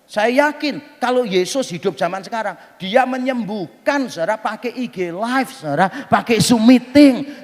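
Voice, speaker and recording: High, lively preacher in a hall. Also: male voice. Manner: lively, humorous storytelling with mock voices. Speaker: pastor. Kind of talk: sermon. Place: church hall. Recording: long hall reverb.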